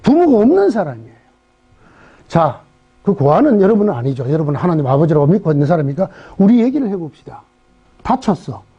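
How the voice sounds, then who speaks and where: Animated high-voiced male pastor. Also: fast talker, husky. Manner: animated, acts out voices, asks the congregation rhetorical questions. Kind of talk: sermon. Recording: dull, muffled sermon recording.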